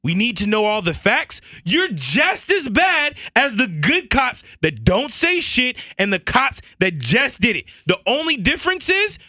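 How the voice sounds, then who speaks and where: A Southern US man co-hosting a radio show speaks heatedly and emphatically in a studio, his very high voice swinging hugely in pitch. He keeps a measured pace with few pauses, and his tone is bright and forceful. The studio boom mic gives a dry recording.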